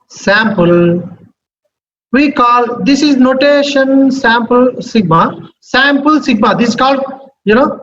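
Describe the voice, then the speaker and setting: High-pitched Telugu-accented man lecturing, echoey room. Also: fairly bright tone. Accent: Telugu Indian. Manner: repeats phrases and checks in with questions. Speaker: teacher. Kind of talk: live classroom maths lecture. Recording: echoey room, dull sound, faint noise.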